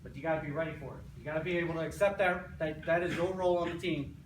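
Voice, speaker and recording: Speaking quickly in a fairly high, steady voice, this American man is an army sergeant giving a pre-game pep talk. He repeats himself emphatically and keeps asking "right?", while a distant mic picks him up in a noisy, echoey room.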